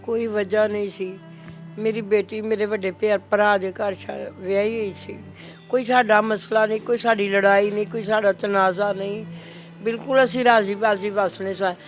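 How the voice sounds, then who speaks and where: A woman's voice: mid-range voice, steady tone, moderate pace, faint music behind. Grieving older Punjabi-speaking woman pleading. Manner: pleading, repetitive, emotional. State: grief-stricken. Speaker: mother of the victim. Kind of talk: grieving testimony to a reporter.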